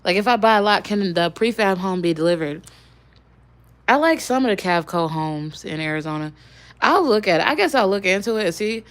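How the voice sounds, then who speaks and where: A woman's voice: medium pitch, animated, fairly quick. A young woman chatting casually on a livestream. She rambles and swears now and then as she talks with her viewers. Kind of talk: casual live-stream chat.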